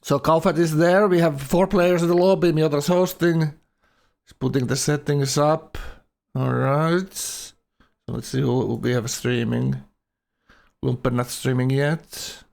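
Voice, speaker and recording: Male esports stream host, voice a bit high, casual and halting, slightly awkward articulation from a numbed jaw. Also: fairly even intonation, vocal fry, darkish tone. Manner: loose, rambling, halting delivery. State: numb mouth after dental anesthesia, slightly awkward, slurred speech. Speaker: live stream host and game tournament commentator.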